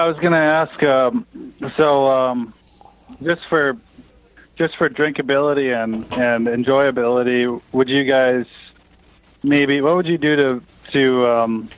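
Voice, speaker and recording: A man's voice: mid-range voice, muffled recording. A man calling in as a homebrew guest, talking casually with many fillers and restarts. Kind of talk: casual chat on a call.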